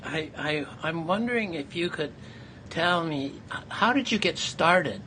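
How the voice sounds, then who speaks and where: A man interviewing an artist, speaking in an effusive, halting way with many fillers. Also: a little high, expressive, pushed and bright. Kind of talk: conversational interview. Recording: noisy background ambience.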